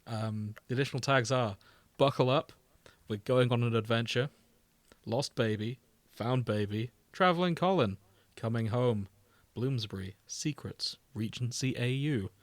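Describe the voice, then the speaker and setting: On a comedy podcast, a male co-host reads fan fiction tags aloud, chatting casually and bantering with playful mock outrage. He speaks a little slowly at medium pitch, with no echo.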